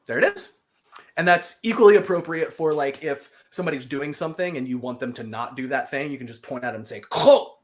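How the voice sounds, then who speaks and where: Patient casual language teacher. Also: medium pitch. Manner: patient, repeats phrases slowly for practice.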